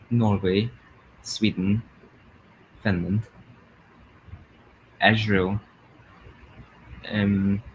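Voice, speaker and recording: A man's voice: fairly low pitch, fairly bright tone, a little hiss or hum, rough recording. A young Scottish man chatting casually as host of a live stream, rambling with lots of fillers. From Scotland. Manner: chatty, rambling, sings along in snatches.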